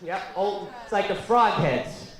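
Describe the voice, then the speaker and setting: A man performing a stand-up routine on a comedy club stage, wry and punchy, shouting his punchlines, with an audience laughing. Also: high-pitched, expressive, a little slow. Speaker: stand-up comic. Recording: echoey club with loud laughing crowd.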